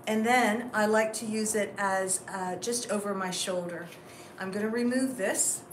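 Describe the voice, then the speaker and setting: A woman's voice: medium pitch, measured pace. A woman hosting a casual styling demo, chatty and always checking in with the people around her. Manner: chatty, keeps asking "okay?". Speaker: host, stylist. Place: clothing store. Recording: roomy, distant mic, noisy.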